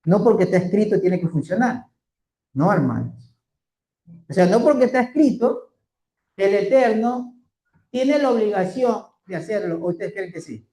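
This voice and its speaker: Mellow-voiced Torah teacher, roomy echo. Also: mid-range voice, animated. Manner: asks the class rhetorical questions; slow, drawn-out emphasis on key phrases. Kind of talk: teaching a scripture class.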